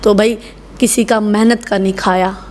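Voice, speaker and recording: A woman in her thirties with a Haryanvi accent, a salon owner talking in an interview in a blunt, rough-and-tough, emphatic way. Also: mid-range voice, fairly even intonation, moderate pace, darkish tone, slight background noise. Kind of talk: casual interview talk.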